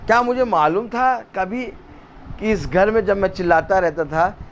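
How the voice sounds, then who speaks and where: A man preaching a fiery sermon at a home gathering, shouting and repeating lines for emphasis. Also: sits high, moderate pace, highs cut off, slight background noise.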